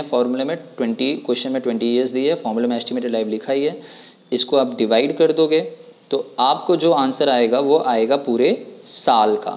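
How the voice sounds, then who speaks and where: Man talking students through a problem. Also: mid-range voice. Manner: explains step by step, asks rhetorical questions. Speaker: commerce tutor. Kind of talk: exam problem walkthrough lesson.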